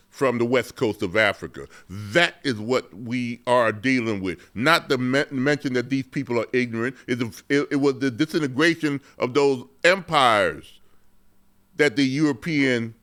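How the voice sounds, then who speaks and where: A male host giving a fervent history lesson on his show. He talks emphatically, doubling words for stress and tagging points with "okay?". His voice is bright and forward, with a smooth, clear ring. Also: mid-range voice. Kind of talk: passionate educational talk.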